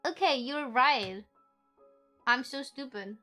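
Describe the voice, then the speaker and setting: A woman streamer chatting casually and excitedly while playing a game, often talking fast. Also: sits high, faint music behind.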